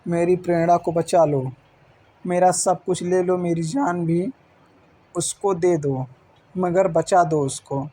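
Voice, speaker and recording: A man reads as a desperate young husband pleading not to be left. The voice is mellow and dark, with little rise and fall. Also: high-pitched, fairly even intonation, takes it slowly, breathy edge, exaggerated voice.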